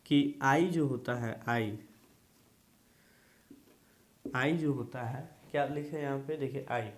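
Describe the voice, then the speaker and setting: A man's voice: mid-range voice, a little mellow, a little hiss or hum. A man teaching an English grammar lesson, drilling points again and again and quizzing his students, asking them to repeat after him. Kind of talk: classroom lesson explaining grammar. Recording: echoey room.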